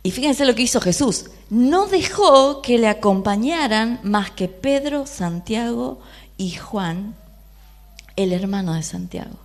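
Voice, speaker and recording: A woman speaking Rioplatense Argentine Spanish preaches unhurriedly in a slightly high voice. Her sermon is lively, full of questions for the audience and short moments where she voices the people in the story.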